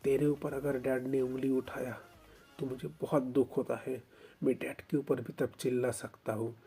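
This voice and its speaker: A man voicing a teasing, protective older brother who speaks loudly and fondly. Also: medium pitch, little pitch movement, normal speed, slightly rough, faint music behind. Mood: fierce, fond. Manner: loud, fond, scolding.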